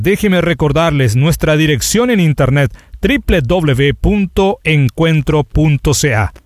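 Higher-voiced man hosting a radio program. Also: no room sound, clean studio sound. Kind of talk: scripted radio narration.

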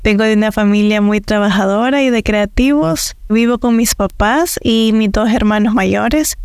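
A woman's voice: medium pitch, moderate pace, a little mellow, smooth, dry recording, clean studio sound. A young Salvadoran woman with a Salvadoran accent, speaking as a guest and telling her story with many hesitations and fillers. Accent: Salvadoran Spanish. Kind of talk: interview testimony.

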